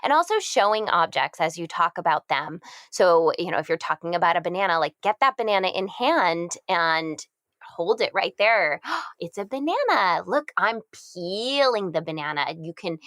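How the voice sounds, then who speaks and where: A woman's voice: on the low side, a bit bright, dry recording, studio quality. A woman in her thirties, a speech therapist, giving parenting advice on a podcast and acting out words in a sing-song voice.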